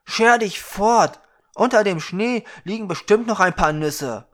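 A man voicing a selfish, quick-tempered young woodcutter who scolds and shouts. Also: a little high, voice pushed up. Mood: shouting.

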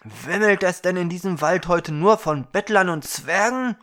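A man voicing a selfish, quick-tempered young woodcutter who scolds and shouts. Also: fairly high pitch, voice pushed up. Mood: scornful.

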